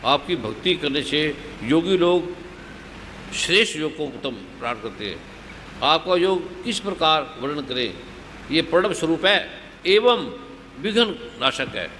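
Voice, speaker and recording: A man's voice: fairly high pitch, lively intonation, measured pace, pauses often, fairly bright tone, long reverb tail, slight background noise. A man who is a spiritual guru, giving guided meditation instructions to an audience in short, repeated commands. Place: large hall at a live gathering.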